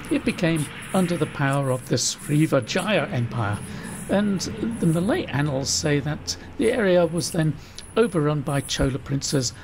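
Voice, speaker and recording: A man's voice: on the high side, a little hiss or hum. A British man in his sixties, narrating a travel vlog outdoors at arm's length with dry, wry asides. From Britain. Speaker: travel vlogger. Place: outdoors at historic sites and in a car. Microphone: camera held at arm's length.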